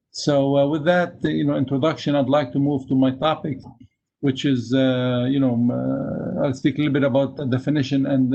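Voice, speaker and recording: Halting man giving a webinar talk. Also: mid-range voice, creaky, warm tone. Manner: halting, many fillers and restarts. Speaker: webinar speaker for an engineering society. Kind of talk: presentation over slides. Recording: dull lo-fi webinar audio.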